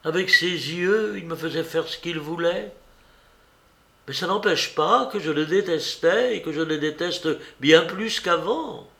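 A man reading aloud, voicing a young servant woman who speaks in a calm, commanding way. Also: fairly high pitch, a little slow, vocal fry, roomy sound, pitched above the performer's own voice, heavily acted. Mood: confessing. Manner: cold, commanding, quiet.

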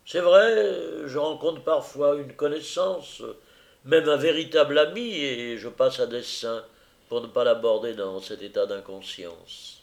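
A man's voice: mid-range voice, unhurried, gravelly. A man reading aloud as a troubled, rambling middle-aged widower. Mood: wistful.

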